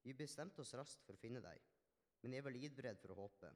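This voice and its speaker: A man's voice: medium pitch, animated, darkish tone, close to an everyday voice. A man playing a healed Samaritan leper man, telling his story in an earnest, reflective first-person monologue with small restarts. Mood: somber. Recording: long hall reverb.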